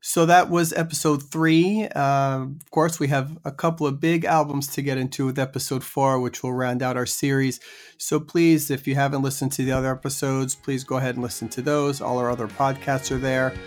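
A man's voice: mid-range voice, little pitch movement, moderate pace. Male podcast host over guitar music. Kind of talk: casual podcast sign-off.

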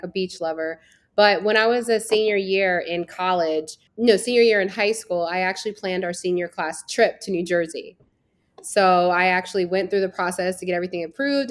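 An American woman from Virginia, a travel business founder, talking as a guest in an interview in a chatty, storytelling way. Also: mid-range voice. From Virginia, USA. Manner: chatty, storytelling, frequent "like" fillers. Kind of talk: casual interview talk.

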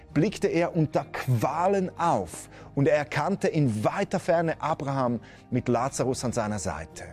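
A man's voice: mid-range voice, a little mellow. A man preaching a sermon to a video audience. He earnestly asks the viewer direct questions and drops in casual interjections. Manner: colloquial interjections.

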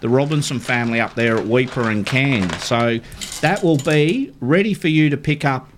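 A man's voice: mid-range voice, moderate pace. An Australian man hosting a radio show in a casual, chatty live style. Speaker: radio fishing show host. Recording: faint background noise.

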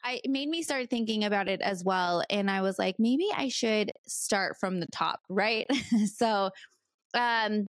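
A woman's voice: medium pitch, a little slow, no echo. Chatty woman in her thirties, dry sound. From California. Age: 30s. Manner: chatty, rambling, many fillers. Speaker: podcast host. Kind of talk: casual solo podcast chat.

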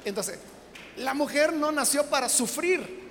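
A woman's voice: high-pitched, expressive, unhurried, a bit bright, some chatter behind. Emphatic woman preaching in a hall. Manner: emphatic, rhetorical questions, acts out quoted voices. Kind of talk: sermon. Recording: long hall reverb, faint background noise.

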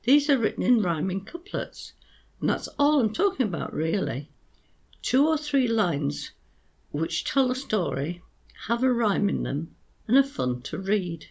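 Slow, lilting podcast poetry teacher. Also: mid-range voice, big pitch swings, vocal fry, darkish tone, slightly rough. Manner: slow, sing-song rhythmic reading, tapping out beats. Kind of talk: explanatory talk with poems read aloud.

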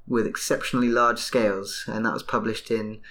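A man's voice: lowish voice, little pitch movement, brisk, a bit bright. A man co-hosting a podcast in casual chat, explaining details and reading out paper information. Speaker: podcast co-host.

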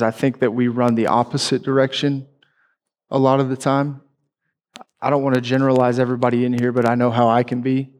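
A man preaching a sermon, telling a personal story candidly and emotionally. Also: medium pitch.

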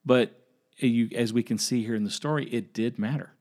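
A man's voice: mid-range voice, normal speed, darkish tone. A man from the American South with a Southern accent, co-hosting a casual Bible discussion and talking conversationally, often repeating words as he restarts. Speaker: podcast co-host.

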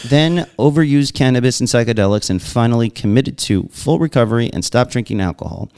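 A man with a Long Island accent hosts a podcast in casual, chatty talk. He reads listener mail aloud in a smooth, resonant voice, laughing often and stopping for little asides. His pitch sits in the middle. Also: fairly quick, a little mellow. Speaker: podcast host.

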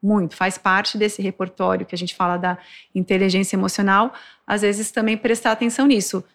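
A woman's voice: mid-range voice, fairly even intonation, fairly quick. A woman, a guest specialist, speaking reflectively in a podcast conversation, quoting adults' reactions.

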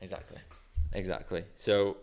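An English man hosting a podcast, chatting casually and chiming in with quick quips. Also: low voice, little pitch movement, darkish tone. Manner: easygoing, chimes in with quick quips. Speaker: podcast host. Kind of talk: casual chat.

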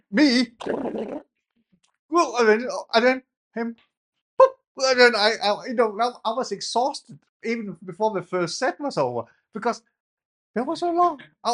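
A man from Denmark preaches an informal sermon with a high voice. He talks conversationally, restarting and repeating words. He rises into emphatic bursts when he presses a point. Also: a bit bright.

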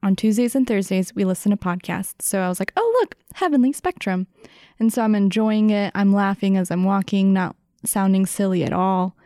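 A woman's voice: mid-range voice, flat delivery, fairly quick, hardly any pauses, mellow, no echo, studio quality. Chatty sincere woman guest. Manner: chatty, sincere, says "like" a lot. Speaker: podcast guest. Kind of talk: casual faith podcast chat.

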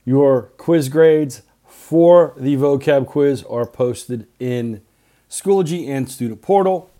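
A man's voice: medium pitch, slow pace, warm tone. A middle-aged male teacher recording class announcements for his students' podcast, talking in clipped short phrases with earnest reminders.

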